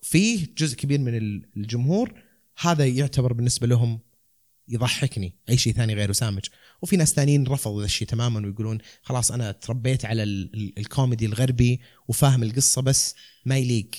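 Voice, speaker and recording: Very fast-talking Saudi man, rambling casually. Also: mid-range voice, a little mellow. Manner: rambling, mixes in English terms. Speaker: stand-up comedian, guest. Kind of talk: casual conversational explanation.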